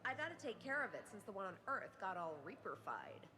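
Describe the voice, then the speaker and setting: A woman's voice: mid-range voice, sing-song, brisk, lightly acted. A woman playing a vapid rich young socialite in a video game, with a bubbly sorority-girl manner and a Valley Girl American accent. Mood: bubbly, entitled. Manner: bubbly sorority-girl airhead delivery, breezily entitled. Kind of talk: video game character dialogue. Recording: busy crowd chatter behind voice.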